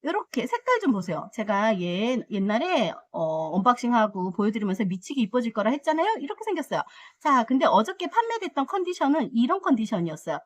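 Middle-aged woman vlogger, chatty and giggly, bright high lively voice. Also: fairly quick, hardly any pauses. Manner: chatty, excitable, laughs often. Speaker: succulent vlogger. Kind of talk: casual unboxing chat.

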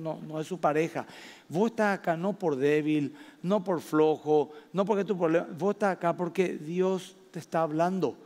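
High-voiced Paraguayan pastor preaching in a hall. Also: male voice. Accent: Paraguayan Spanish. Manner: emphatic preaching with slow drawn-out stresses and sudden loud rises. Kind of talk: sermon. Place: church hall. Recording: long reverb of a church hall.

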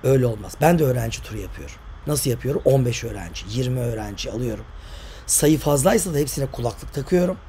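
A man's voice: medium pitch, expressive, quick pace, warm tone. An older man, a tour guide and author, giving emphatic, argumentative vlog commentary full of rhetorical questions. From Turkey.

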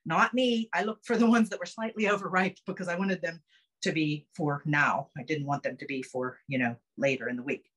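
A woman's voice: low-pitched, steady tone, brisk, a bit bright, breathy edge. A middle-aged woman giving a chatty, upbeat cooking demonstration from her home kitchen, explaining each step. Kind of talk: casual cooking demo on a video call. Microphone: phone camera close up.

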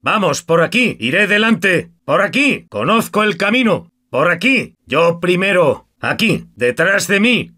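A man voicing a gruff, sardonic older war veteran in a video game, swearing often. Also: mid-range voice, very animated, slow pace, fairly bright tone, exaggerated voice. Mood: urging. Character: gruff old male war veteran survivor. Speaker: game character.

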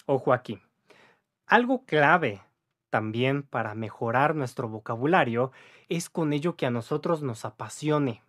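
Speaking at a medium pitch, this twentysomething English teacher with a Mexican Spanish accent films a relaxed lesson in a room with a patterned wall. His tone is friendly and cheerful, and he keeps checking in with little tag questions like "¿va?" and "¿vale?"

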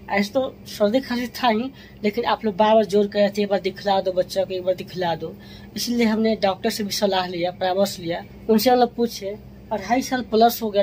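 A woman's voice: mid-range voice, darkish tone, slight background noise, low-quality recording. A woman vlogger speaking to her viewers in a casual, matter-of-fact and reassuring way. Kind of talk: casual vlog talk to viewers.

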